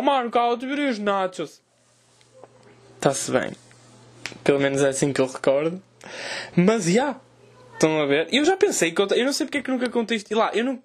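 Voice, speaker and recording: A young man with a European Portuguese accent telling a crude comic story in a casual, animated way. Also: fairly high pitch. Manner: animated, crude joking, loud cries in retold scenes. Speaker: host.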